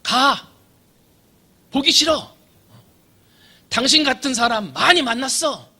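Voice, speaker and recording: A man voicing an angry young male prisoner who shouts and refuses all help, acted out inside a sermon. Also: very high voice, expressive, normal speed, breathy edge, pitched above the performer's own voice, heavily acted. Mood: furious. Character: desperate young male convict, angry and bitter.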